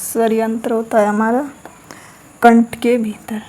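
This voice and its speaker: A woman teaching a lesson, explaining step by step, asking questions and answering them herself, and saying sounds aloud slowly for practice. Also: on the high side, little pitch movement, mellow. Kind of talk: classroom lesson.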